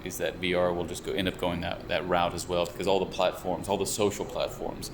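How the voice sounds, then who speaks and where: A young American VR researcher and developer speaks in an explanatory interview, working through ideas slowly and carefully and often restarting phrases. His very low voice is monotone, with a steady air conditioner hum behind him.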